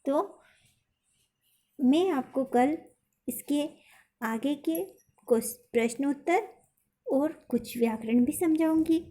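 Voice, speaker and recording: A woman teacher giving a recorded lesson to young pupils, repeating questions and reciting a poem slowly. She keeps checking with "ठीक है?". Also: high-pitched, dark tone. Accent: Hindi. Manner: slow, repetitive, sing-song recitation with frequent "ठीक है?" checks.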